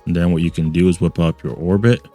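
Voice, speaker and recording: A man's voice: low voice, steady tone, quick pace, dark tone, soft background music. A man hosting a gaming channel, giving playful gameplay commentary and repeating his catchphrases, recorded at a desk mic in a home gaming setup.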